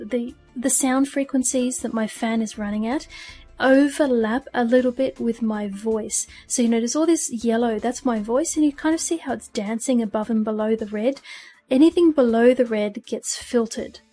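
Chatty higher-voiced woman explaining. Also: mellow. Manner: chatty, laughs at herself. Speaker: streaming tutorial host. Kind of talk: casual screen-recorded tutorial. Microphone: desk microphone with audio filters. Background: fan hum and birds.

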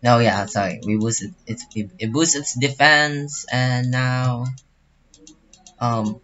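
A man's voice: medium pitch, slow, fairly bright tone, muffled recording. A young man commentating his own online game battle in a casual, rambling way, full of fillers and restarts. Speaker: gaming channel host.

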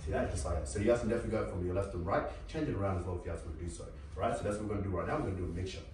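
A man's voice: sits low, racing. A man teaching a dance move to his viewers, calling out steps and counts and addressing them as "you guys". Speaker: dance instructor. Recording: distant, echoey, noisy room sound.

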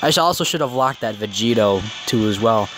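A nineteen-year-old man giving casual game commentary, excitable and prone to stutter, speaking very close to a phone microphone. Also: on the low side, brisk. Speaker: gaming video maker. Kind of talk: casual live commentary on mobile game summons. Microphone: phone, very close to the mouth. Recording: close-miked phone recording, music behind. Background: game music.

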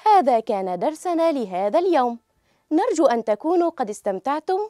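A woman with a high, animated voice teaches a children's grammar lesson, sounding out each example word slowly and clearly. The recording is dry and close, with soft music faint underneath. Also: dry recording. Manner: clear, drawn-out model pronunciation.

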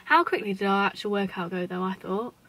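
A woman's voice: medium pitch, a little fast, sharp tone, low-quality recording. A young woman from the UK, a fitness vlogger, chatting in an upbeat, encouraging way with her sister in a car at night. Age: young adult. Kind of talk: casual chat. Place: parked car at night, lit by an interior light.

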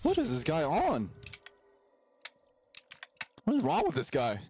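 A young man streaming a ranked online game, giving excitable casual commentary and trash-talking his opponent. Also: on the high side, slow pace, slight background noise. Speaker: gaming streamer.

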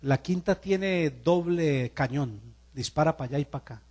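Emphatic pastor with a higher voice. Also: male voice, normal speed, a little mellow. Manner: leads the congregation in repeated call-and-response declarations; emphatic, exhorting preacher. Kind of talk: sermon. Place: church service.

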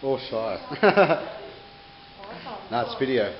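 A man's voice: medium pitch, big pitch swings, extremely slow, highs cut off. A man filming his family on a home video and chuckling often as he talks, heard through old camcorder audio. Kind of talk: casual home-video chatter. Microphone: built-in camcorder mic.

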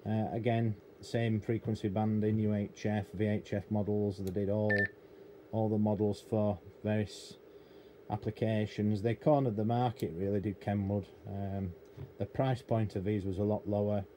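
His voice sits on the low side and sounds warm, delivered flatly at a normal speed. He's a middle-aged British man, a radio technician and hobbyist presenter, talking off the cuff and rambling matter-of-factly as he demonstrates something at a cluttered indoor electronics workbench, with noticeable room noise behind him.

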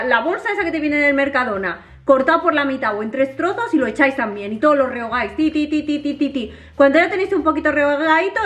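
A woman, chatting casually to viewers in her home kitchen as a vlogger. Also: high voice. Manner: chatty, animated, addresses viewers directly. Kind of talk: casual home vlog chat.

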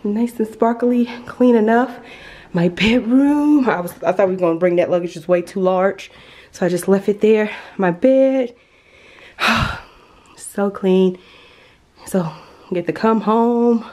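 A woman with a mid-range, slightly mellow voice talks slowly as she walks through her apartment, chatting and gushing like a lifestyle vlogger giving a casual home tour. She films indoors on a handheld camera, recorded through its compact built-in mic.

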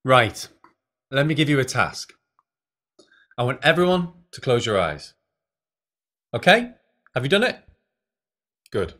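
A man in his thirties preaches an all-age sermon to kids and adults in a small, plain indoor room, engaging them directly and putting questions to them. His medium-pitched voice is bright, forceful and very animated, unhurried, with frequent pauses.

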